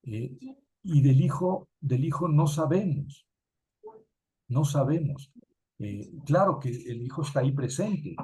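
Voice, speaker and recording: A man's voice: medium pitch, animated, takes it slowly, long pauses, mellow, breathy edge. A man giving an informal lecture on scripture, talking conversationally with many fillers and self-corrections. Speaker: Bible lecturer.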